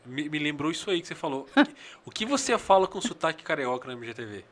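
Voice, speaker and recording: A man's voice: on the high side, sing-song, fast talker, fairly bright tone. A Brazilian man hosting a podcast, asking his guest playful questions. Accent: Brazilian Portuguese. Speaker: podcast host. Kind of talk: casual podcast interview.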